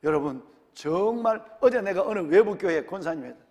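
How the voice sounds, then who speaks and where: A man's voice: high-pitched, animated, normal speed, a little mellow, long reverb tail. A male senior pastor with a Gyeongsang accent, preaching a sermon and firing rhetorical questions at his congregation. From Gyeongsang region, Korea. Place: church sanctuary.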